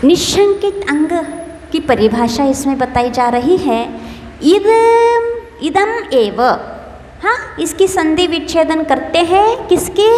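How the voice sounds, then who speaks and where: A woman, a nun, patiently leading a scripture recitation class, correcting pronunciation and gently teasing her students. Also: very high voice, expressive, slow. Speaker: Jain nun teaching scripture. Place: temple hall. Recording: echoey hall with long reverb, faint hiss.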